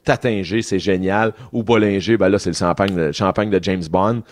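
Enthusiastic low-voiced Québécois wine columnist. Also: male voice, fairly even intonation, moderate pace, dry recording. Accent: Québécois French. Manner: enthusiastic, persuasive. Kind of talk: casual radio recommendation.

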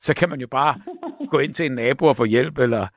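Creaky-voiced Danish male radio host. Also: mid-range voice, fairly bright tone, dry recording, clean studio sound. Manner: chatty, reassuring, reads out listener texts. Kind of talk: call-in radio chat.

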